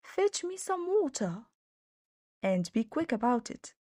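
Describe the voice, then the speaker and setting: A woman's voice: high voice, big pitch swings, slow, dry recording, studio quality, pitched above the performer's own voice, heavily acted. Woman doing a cheeky careless boy apprentice. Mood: cocky.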